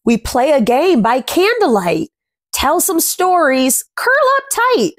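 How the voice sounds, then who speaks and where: High and very animated, her voice moves slowly and is captured at studio quality with no echo. A young woman read-aloud host, she shares a picture book with small children from a small room at home, expressive and sing-song, chatting about it along the way.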